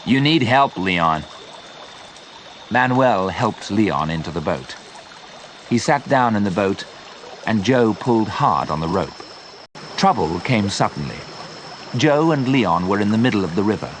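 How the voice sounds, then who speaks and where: A man narrating a simple story slowly and clearly for English learners. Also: lowish voice, slight background noise. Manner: slow, clear, expressive.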